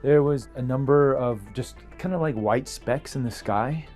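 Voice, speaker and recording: A man being interviewed in a relaxed, casual way, with frequent hesitations. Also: mid-range voice, moderate pace. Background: faint music.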